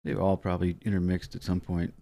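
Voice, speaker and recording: Gravelly, joking podcast guy. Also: deep voice, monotone, fast talker, mellow, a little hiss or hum. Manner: joking, reads ads aloud in a mock announcer voice. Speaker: podcast co-host. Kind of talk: casual chat.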